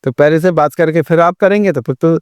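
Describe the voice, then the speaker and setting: A man with a smooth, somewhat high voice appears as a religious scholar guest in a studio discussion, patiently giving advice on good manners through everyday examples. The studio sound is clean, with no echo.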